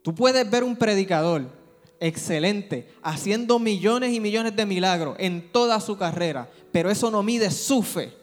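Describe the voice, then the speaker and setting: A man preaching a sermon, his voice sitting a little high for a man as he keeps pressing rhetorical questions on the congregation. The sound carries a long reverb from a large church hall. Soft instrumental music plays faintly underneath. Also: animated, measured pace. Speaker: pastor.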